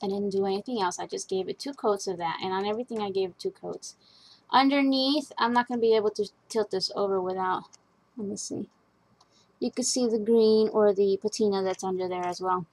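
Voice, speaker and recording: A woman's voice: mid-range voice, brisk, darkish tone, rough recording. A woman talking casually at her craft desk, chatty and rambling with fillers as she walks through a project. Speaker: craft vlogger.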